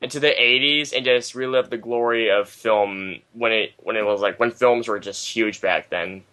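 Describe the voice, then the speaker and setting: A young American man chatting as an interview guest, middle-pitched and unhurried. He rambles, fills gaps with ums, and perks up whenever he gets excited about something he loves. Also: smooth. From United States. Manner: rambling, hesitant with many ums, enthusiastic. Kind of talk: casual interview chat.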